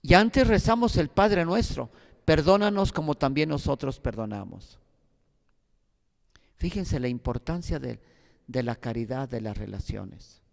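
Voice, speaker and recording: Sacerdote mexicano de voz rasposa. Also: male voice, medium pitch, animated, measured pace, long reverb tail. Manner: earnest, exhortative, anecdotal. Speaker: priest teaching a Bible course. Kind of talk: Bible class lecture.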